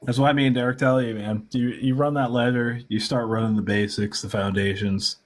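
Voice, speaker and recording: A man's voice: mid-range voice, steady tone, a little fast. A man guest in a casual livestream chat, talking emphatically and profanely and repeating phrases for emphasis.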